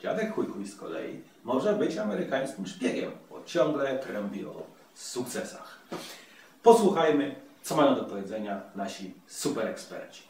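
A man's voice: medium pitch, sing-song, moderate pace, darkish tone, slight background noise. Chatty man reviewing, very echoey room. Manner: chatty, playful. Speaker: audiobook reviewer, host. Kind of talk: casual video review. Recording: very echoey room, distant mic.

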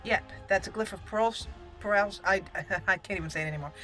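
A gaming video host gives casual, chatty let's play commentary with some playful roleplay. Her voice is medium-pitched at a normal speed, with music playing in the background.

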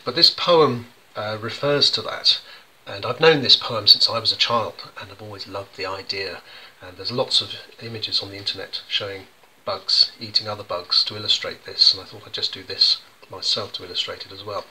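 A man's voice: on the low side, fairly even intonation, moderate pace, bright, forceful tone, a little hiss or hum, low-quality recording. An English man, a children's poet, chatting through how he illustrates his poems, with many ums and restarts. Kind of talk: casual explanatory demonstration.

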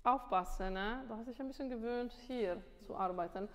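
A woman teaches singing in a masterclass, speaking in a fairly high, animated voice. She is tired and repeats words, sometimes switching into English. Her voice carries a long reverb from the music school room. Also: normal speed. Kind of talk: masterclass coaching.

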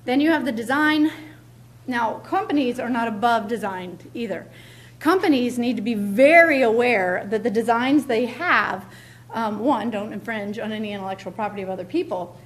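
At a normal pace and a slightly high pitch, a middle-aged woman delivers an emphatic keynote lecture in a large hall. Key words recur and ums are frequent, picked up by a podium mic filmed from the back.

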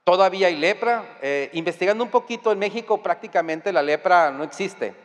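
Preaching in a church hall with a long reverb trailing his voice, a Mexican-accented man speaks in a high, bright register, a little fast and expressive. He addresses the congregation directly and conversationally, building to loud, emphatic peaks.

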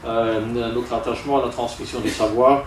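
A man's voice: mid-range voice, steady tone, a little hiss or hum. Hesitant man speaking in an echoey tent. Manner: halting, many hesitations. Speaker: awards ceremony speaker. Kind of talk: formal ceremony speech. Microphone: stand mic, filmed from afar. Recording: echoey, distant camera audio.

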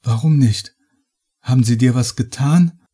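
A man's voice: medium pitch, measured pace, warm tone, breathy edge, voice pushed up. Man voicing a frantic captive young woman. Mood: anxious. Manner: pleading, rising to frantic.

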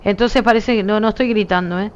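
On a muffled recording, a woman with a Uruguayan Spanish accent streams and chats casually with viewers, her medium-pitched voice clear and resonant, fairly quick, and fairly even in intonation. Despite a nearly lost voice, she insists emphatically, her hands practically audible, with frequent "¿viste?".

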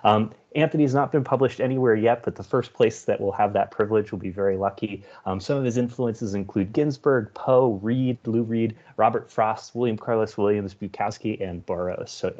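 A man hosting a poetry reading, introducing the next reader in a relaxed way with many ums. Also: lowish voice, fairly quick, hardly any pauses. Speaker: host. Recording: dull muffled sound.

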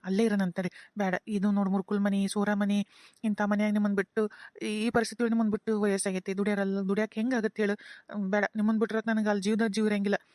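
A woman's voice: mid-range voice, darkish tone, dry recording, studio quality, natural voice. A woman voicing an earnest, guilt-ridden young son with a North Karnataka accent, pleading with his parents in a cartoon. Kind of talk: cartoon voice acting.

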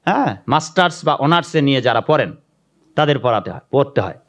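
A male preacher telling a religious story in an animated way, acting out the characters' voices. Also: mid-range voice, quick pace.

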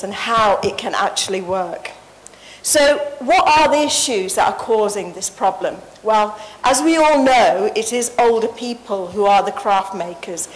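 A woman's voice: medium pitch, rough recording. A woman, giving an earnest, passionate conference talk into a handheld mic on a stage. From Sri Lanka. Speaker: conference paper presenter. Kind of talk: conference presentation.

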